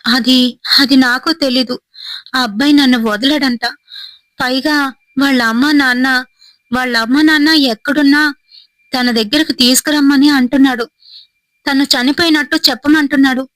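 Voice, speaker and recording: Lady playing a scared sick young woman stumbling over her words, highish voice. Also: steady tone, fairly bright tone, no room sound, low-quality recording. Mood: scared, tearful. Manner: halting, fearful, repeating words. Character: frightened feverish young woman, crying.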